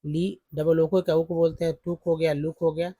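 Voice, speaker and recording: A man teaching English spelling and pronunciation from slides, repeating syllables slowly and calling viewers friends. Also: a little high, flat delivery, warm tone, husky, dry recording. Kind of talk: slide-based phonics lesson.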